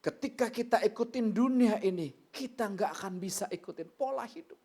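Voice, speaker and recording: A middle-aged male pastor preaching a sermon in a casual, emphatic way, swinging from loud to quiet. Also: sits high, expressive, moderate pace, breathy edge. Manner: emphatic, colloquial preaching with wide swings in loudness.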